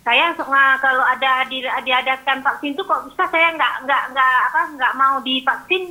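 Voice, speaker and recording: A woman calling in to a talk show over the phone, speaking in a halting way with many restarts. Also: high-pitched, fairly even intonation, pushed and bright, poor audio. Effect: heard over the phone. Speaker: caller.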